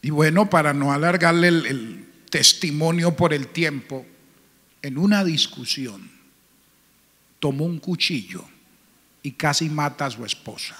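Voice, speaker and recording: A man preaching a sermon as pastor, telling stories with strong emotion, his voice swelling loud and then dropping to a near murmur. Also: fairly high pitch, lively intonation, measured pace, breathy edge. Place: church. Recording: church hall with long reverb.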